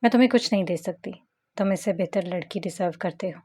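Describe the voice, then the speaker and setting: A woman voicing a grieving, guarded young woman who answers calmly and with resignation in a romance novel reading. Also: mid-range voice, fast, breathy edge. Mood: resigned. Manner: calm, resigned.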